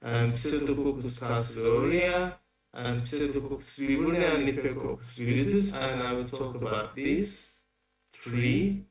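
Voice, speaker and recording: A man giving an academic seminar lecture from afar over a bad online connection, speaking haltingly and restarting his phrases often. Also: medium pitch. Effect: remote voice over a bad online connection. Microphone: video call. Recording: distant, echoey video-call audio.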